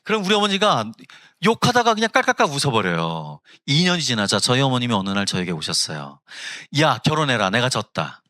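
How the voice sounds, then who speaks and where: Lively, forceful male pastor preaching. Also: mid-range voice, quick pace, no room sound, studio quality. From South Jeolla, Korea. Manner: humorous, acts out family quotes. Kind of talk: storytelling sermon at a Friday prayer service. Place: church sanctuary.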